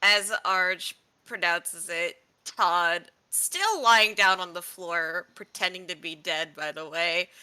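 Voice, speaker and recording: A woman with a bright, clear tone narrates her character's actions in a tabletop game. She talks slowly and stays giggly and playful throughout. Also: lowish voice.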